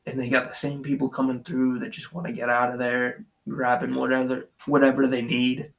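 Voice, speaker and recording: With a completely flat delivery, a podcast host paces his basement, rambling in a profane, chatty monologue with lots of fillers. His mid-range voice is gravelly and fairly bright, a little fast, recorded through an extension-wired mic whose level is uneven.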